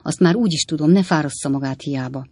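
A reader voicing an excitable widowed woman innkeeper in an audiobook, loud and theatrical. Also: mid-range voice, slightly rough, no echo, natural voice. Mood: impatient. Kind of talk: audiobook reading.

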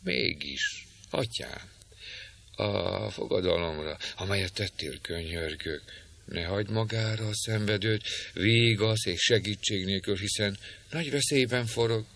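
A man voicing a young captive woman who begs softly and urgently in an audiobook. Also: fairly low pitch, gravelly. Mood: pleading. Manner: soft, hushed and imploring.

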